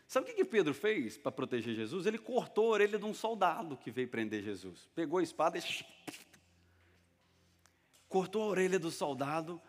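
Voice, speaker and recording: A man preaching a sermon as pastor, telling stories lively and acting out the lines of the people in them. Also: fairly high pitch. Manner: lively storytelling, acting out dialogue. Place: church hall. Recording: long reverb of a church hall.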